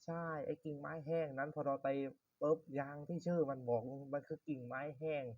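A man's voice: on the high side, fairly even intonation, fairly quick, darkish tone, no echo, muffled recording. A young man giving casual, swear-laced commentary while playing a survival game, talking to himself as he goes. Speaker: gaming YouTuber. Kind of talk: casual Minecraft let's-play commentary.

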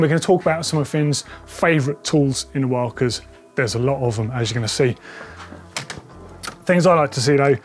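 A man in his forties with a fairly high voice gives a chatty, enthusiastic tour of an indoor bike workshop. Soft music plays faintly underneath. He thinks aloud as he goes. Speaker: presenter.

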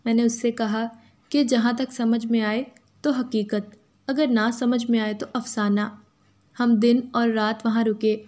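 A woman with an Urdu accent reading a first-person story as a steady, even narrator. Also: on the high side, unhurried.

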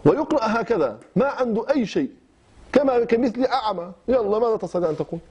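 A man's voice: high voice, animated, fast talker, darkish tone, slightly rough. A man from Iraq with an Iraqi Arabic accent, teaching recitation rules in short phrases with frequent hesitations and restarts. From Kirkuk, Iraq. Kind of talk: explaining recitation rules in class. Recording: dull lo-fi class recording.

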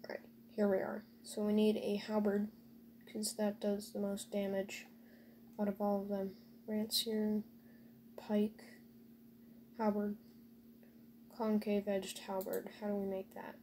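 A woman's voice: mid-range voice, completely flat delivery, takes it slowly, long pauses, dark tone, a little hiss or hum. A woman casually commentating her own gameplay, talking to viewers with joking asides and dry sarcasm.

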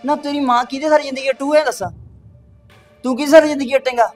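A man's voice: very high voice, steady tone, racing, music in the background. A man playing a stern uncle lecturing his addicted nephew. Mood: scolding. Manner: scolding, lecturing.

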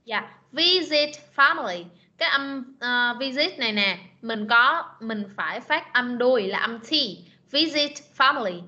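A woman teaching an online class, patiently repeating words slowly to model pronunciation. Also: fairly high pitch, lively intonation, bright, forceful tone. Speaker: English teacher. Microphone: video call. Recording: lo-fi video meeting recording.

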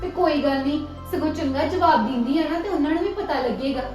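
A woman's voice: sits high, quick pace, a little mellow, soft background music, natural voice. A woman playing an indignant relative who lectures the others to stand up for the girl, in a family web drama. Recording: very echoey room, from a distance.

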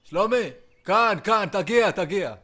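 A man's voice: high voice, a bit bright. A man voicing an easygoing, friendly middle-aged man hosting a barbecue in a cartoon, soothing, apologetic and calling everyone sweetie. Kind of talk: cartoon voice acting.

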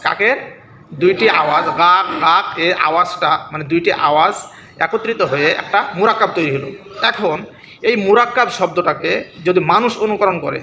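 A man teaching a grammar class, talking very fast in a bright, forceful voice. He repeats each point and often asks whether his students understand. The sound is roomy and echoey, with a faint hiss behind it. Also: high voice. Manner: repetitive, checks students' understanding; mimics sounds. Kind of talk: classroom lesson.

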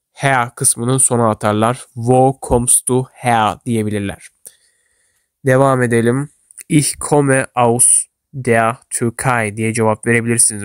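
A man's voice: mid-range voice, no room sound. Man teaching German phrases, dry sound. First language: Turkish. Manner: slow, deliberate model phrases in German. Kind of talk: instructional explanation for learners.

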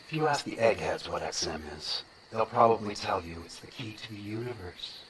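An actor playing an intense, mystical male sculptor and researcher who talks slowly, at times in a near-whisper. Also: fairly low pitch, animated, lightly acted, poor audio. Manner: slow, intense, half-whispered. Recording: crowd murmur behind.

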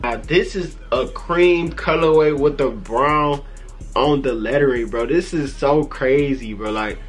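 Young guy vlogging in his bedroom, hyped and slangy, says bro a lot, soft music behind. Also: medium pitch. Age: young adult. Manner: excited, slangy, repeats "bro" and "you feel me". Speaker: vlogger showing a hat collection. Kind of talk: casual vlog talk to camera. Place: small bedroom with purple LED lights.

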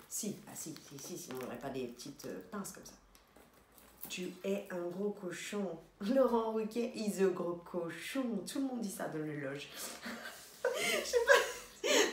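A woman's voice: mid-range voice, roomy sound, far from the mic, slight background noise. A woman vlogger chatting casually while unboxing, giggly and bursting into delighted exclamations.

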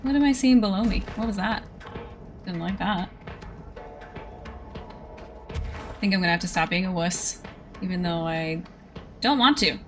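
A woman hosting a casual let's-play, swearing freely and reacting out loud to the game. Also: fairly low pitch, measured pace, long pauses. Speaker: gaming channel host. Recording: faint game music behind.

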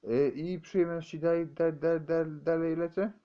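A man giving a rambling, halting explanation, stumbling over words and restarting often. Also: a little high, fairly even intonation, dull audio.

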